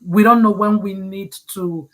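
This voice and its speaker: A woman from Nigeria hosts a livestream interview over a video call and reads out audience comments. Her medium-pitched voice is steady, measured, and fairly bright, and she's encouraging, repeating words as she gathers her thoughts.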